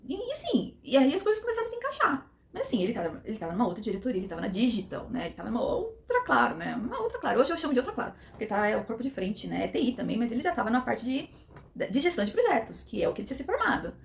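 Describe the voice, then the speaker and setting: A woman's voice: on the high side, wildly swooping pitch, racing, vocal fry. A middle-aged woman, telling a personal story with emotion and acting out the dialogue. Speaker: vlogger.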